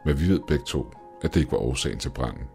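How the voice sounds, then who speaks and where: A man voicing a calm, all-knowing man with a cane. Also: rumbling low, vocal fry, soft background music, heavily acted. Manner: quiet, even, unreadable.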